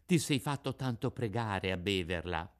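A man doing a patient gentle fairy. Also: on the low side, lively intonation, normal speed, close to an everyday voice. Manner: soft, patient coaxing.

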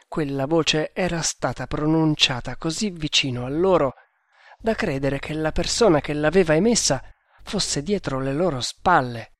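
A man reading an adventure novel aloud in a slow, dramatic narration style. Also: fairly high pitch, fairly bright tone, no room sound, studio quality. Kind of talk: audiobook narration.

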